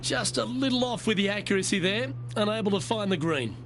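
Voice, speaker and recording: A man performing as a lively, admiring TV golf commentator in a video game. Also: high voice, brisk, slight background noise. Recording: music behind the voice.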